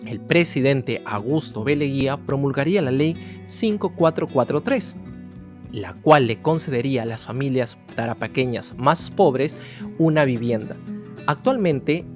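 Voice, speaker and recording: A man narrating an educational history video, telling the story directly to the viewer. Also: medium pitch. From Peru. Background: guitar music.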